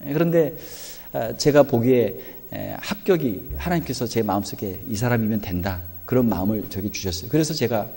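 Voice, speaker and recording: A man's voice: mid-range voice, fairly quick, vocal fry, hardly any pauses, mellow. A male pastor preaching a sermon in a conversational style, full of rhetorical questions. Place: church sanctuary. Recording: reverberant church hall.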